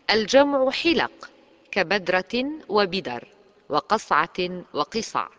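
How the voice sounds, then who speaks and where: A teacher giving a scripted lesson, reading dictionary entries in a measured, precise way. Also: mid-range voice, pushed and bright. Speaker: Arabic language teacher. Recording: long hall reverb.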